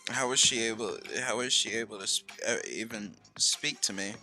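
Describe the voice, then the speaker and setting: A man's voice: lowish voice, normal speed, sharp tone, soft background music. A man streaming a game, narrating casually and thinking aloud as he reads. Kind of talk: let's-play narration.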